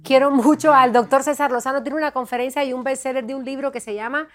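A woman, a podcast guest recounting reality show moments with lively, dramatic storytelling that often grows loud. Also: sits high, fast. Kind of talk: animated storytelling chat.

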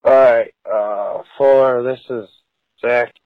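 A man rambles drunkenly through a crude voicemail message, his voice coming over a landline phone. The line sounds dull and lo-fi, and the voice is dry and close with no room around it. His pitch sits in the middle for a man. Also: fairly even intonation, slow pace, no room sound. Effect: heard over a phone line as a voicemail. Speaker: voicemail caller.

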